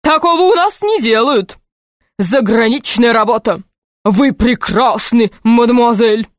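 Pompous, boastful male knight for a storybook reading, voiced by a woman, high and animated, close and dry. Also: measured pace, dry recording. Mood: indignant. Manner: grand, indignant, self-important. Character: pompous boastful middle-aged knight, a marquis, man.

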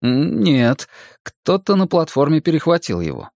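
A man's voice: a little high, very animated, unhurried, a little mellow, no room sound, studio quality. A man reading dramatic first-person audiobook narration.

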